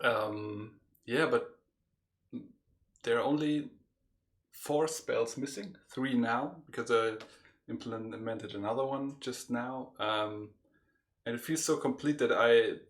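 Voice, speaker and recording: A man's voice: medium pitch, unhurried. A tired man co-hosting a casual livestream chat, laughing often and hesitating with lots of fillers. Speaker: podcast co-host and game developer.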